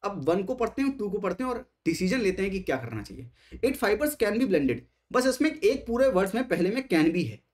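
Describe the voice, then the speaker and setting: A man teaching exam strategy, speaking emphatically, asking rhetorical questions and mixing English terms into his Hindi. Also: high-pitched.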